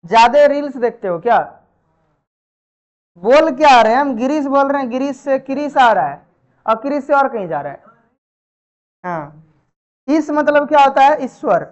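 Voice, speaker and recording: A woman teacher runs a live classroom lesson, asking the same questions again and again and nudging her students with familiar, chiding remarks. Her voice sits fairly high. The recording is dull and lo-fi, as if caught in the room. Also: animated, normal speed, long pauses, darkish tone. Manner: drills students with repeated questions and answers; chiding, familiar address to pupils. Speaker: Sanskrit grammar teacher.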